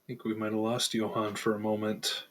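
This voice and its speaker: A man's voice: fairly low pitch, completely flat delivery, normal speed, fairly bright tone. A man chatting casually and unscripted as co-host of a live stream. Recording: faintly noisy live-stream audio.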